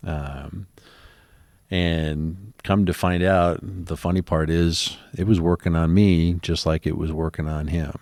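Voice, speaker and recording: Very deep-voiced man telling his story. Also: fairly even intonation, slow, gravelly, a little mellow, no echo. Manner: rambling storyteller with many ums, acting out quoted exchanges. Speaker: interviewee. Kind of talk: personal story in an interview.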